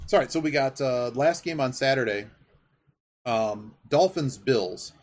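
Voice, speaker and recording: A podcast host chats casually and enthusiastically about sports, rambling as he goes. His medium-pitched voice is animated and his pace measured, with background noise clearly audible in the recording.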